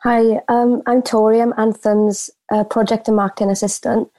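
A woman's voice: fairly high pitch, flat delivery, normal speed, warm tone. A woman introducing herself informally in a group discussion. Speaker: marketing assistant in a discussion.

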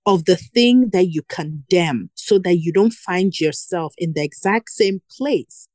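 Woman host, casual and animated, quick to laugh, dry close-miked sound. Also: lowish voice, dry recording. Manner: animated, laughs often, slangy asides. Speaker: podcast host. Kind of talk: casual chat.

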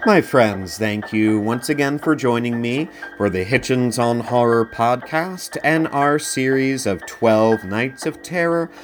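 A man's voice: mid-range voice, unhurried, few pauses, slight background noise. A man hosting a casual film review podcast, talking conversationally and leaning into his recommendations with emphasis. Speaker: podcast host.

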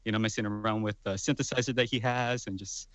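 A man's voice: fairly low pitch, steady tone, quick pace, fairly bright tone, dry recording. A man in his twenties, a guest musician, talking in a rambling casual way with lots of fillers. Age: 20s. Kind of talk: casual chat.

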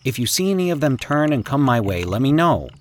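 A man's voice: mid-range voice, big pitch swings, fairly quick, a little hiss or hum, pitched above the performer's own voice, close to an everyday voice. A man voicing a confident, carefree young boy who talks in an easygoing way. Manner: easygoing, nonchalant.

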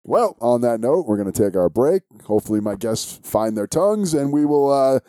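A man's voice: mid-range voice, very animated, normal speed, warm tone, dry recording, studio quality. A man hosting a podcast in casual, chatty talk. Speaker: podcast host. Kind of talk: casual chat.

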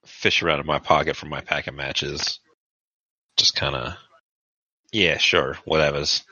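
A man's voice: very deep voice, fairly even intonation, measured pace, sharp tone, husky, dry recording, highs cut off. A man playing a tabletop game who cracks jokes and puns. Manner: joking, punning.

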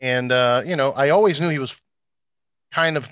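Blunt guy on a podcast, bright forceful voice, swears a lot, dry close sound. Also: medium pitch, moderate pace, dry recording, lo-fi sound. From Cuban background. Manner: blunt, profane. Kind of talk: casual podcast chat.

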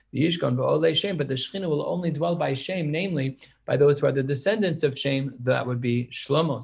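A Talmud teacher leads a class, reading passages in Hebrew and Aramaic aloud and then explaining them in plain, casual English. His voice is mid-range, with vocal fry and a breathy edge.

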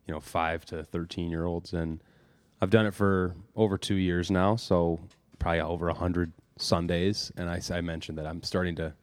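A man in his twenties, a golf coach, recapping a meeting in relaxed podcast chat with fillers. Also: deep voice, normal speed, hardly any pauses, no room sound. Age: 20s. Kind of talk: casual chat.

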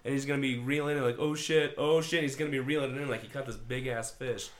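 A man's voice: medium pitch, steady tone, fast. A man from Wyoming co-hosting a podcast, laid-back and plain-spoken, laughing easily in casual chat. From Wyoming, USA. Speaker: podcast co-host.

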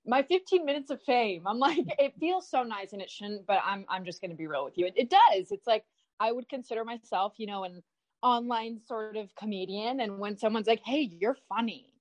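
Chatty young woman, bubbly and rambling. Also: mid-range voice. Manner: chatty and animated, with many fillers and self-repeats. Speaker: guest, online comedian. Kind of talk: casual interview chat.

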